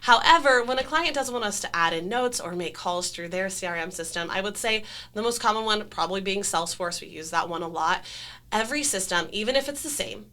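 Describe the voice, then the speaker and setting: A woman's voice: mid-range voice, lively intonation, fairly quick, bright, forceful tone. A woman working as a staff trainer explains procedures conversationally in a corporate training video interview, with an enthusiastic, emphatic manner.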